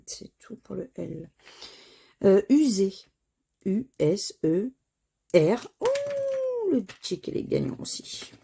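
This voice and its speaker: A woman's voice: medium pitch, animated, slow, vocal fry, long pauses, dark tone, slightly rough. A woman chatting casually to viewers as she scratches tickets, spelling out letters one by one. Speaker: scratch-card vlogger.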